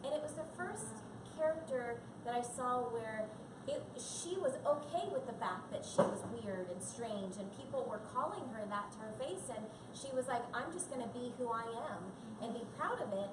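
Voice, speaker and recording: At a coffee and comics shop event, a high-voiced woman speaks earnestly and chattily as a live panel guest, at a moderate pace and with lots of fillers. She's distant from the mic in a reverberant, echoing room, with constant shop noise beneath her voice.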